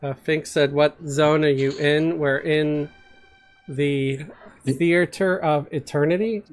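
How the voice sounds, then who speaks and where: Brief: relaxed male streamer, halting, filler-heavy chat while gaming. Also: fairly high pitch. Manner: hesitant, many fillers, reads viewer messages aloud. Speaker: streamer playing an online role-playing game. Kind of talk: casual live-stream chat over voice chat.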